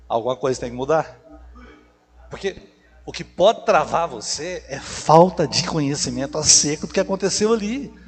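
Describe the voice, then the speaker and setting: A Brazilian man preaching a church sermon in emphatic short phrases, often putting rhetorical questions to the congregation. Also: fairly high pitch. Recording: echoey hall with long reverb.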